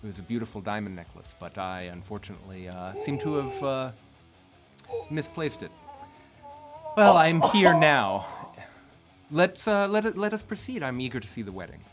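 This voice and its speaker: A man's voice: mid-range voice, animated, moderate pace, loud music behind the voice, voice pushed up, close to an everyday voice. A man voicing an imperious princess in a tabletop game, formal and mock-gracious, with coolly polite airs. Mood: breezy, haughty. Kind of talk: tabletop game role-play.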